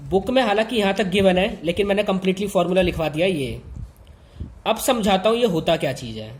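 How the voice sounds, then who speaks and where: A male teacher talks his students through a lesson in an easy, informal way. His voice sits fairly high for a man, and he presses key points by repeating them and straight to the class. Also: darkish tone. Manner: repetitive, emphatic, addresses students directly.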